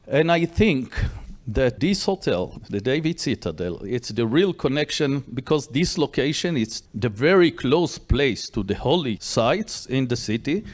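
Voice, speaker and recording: A middle-aged man, a tour guide speaking to an event audience in a hotel, in halting English with repeated phrases. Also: medium pitch. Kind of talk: guided history talk to an audience.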